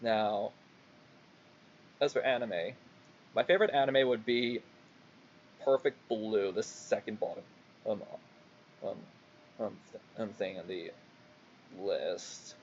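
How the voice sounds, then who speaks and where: Young male VTuber, casual and halting solo stream chat, sweary, muffled lo-fi mic with light noise. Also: on the low side. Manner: halting, rambling, frequent swearing. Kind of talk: casual livestream monologue. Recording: dull lo-fi mic, faint background noise.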